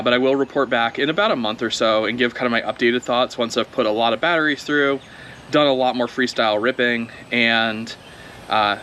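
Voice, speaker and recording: A man's voice: mid-range voice, a little hiss or hum. Chatty man commenting outdoors while flying. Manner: relaxed, chatty, thinking aloud while flying. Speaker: drone video creator. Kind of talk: casual first-flight commentary.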